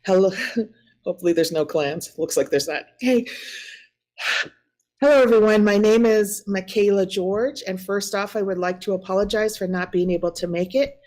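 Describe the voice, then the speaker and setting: A woman's voice: mid-range voice, moderate pace, darkish tone. A woman with a Wisconsin accent, a school district staff member presenting at a board meeting and reading statements aloud, laughing at her own slips.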